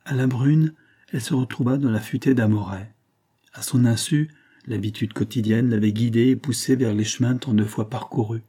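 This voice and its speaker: A man narrating a classic novel aloud in a steady, measured reading. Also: medium pitch, slightly rough. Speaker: audiobook narrator. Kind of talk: scripted narration.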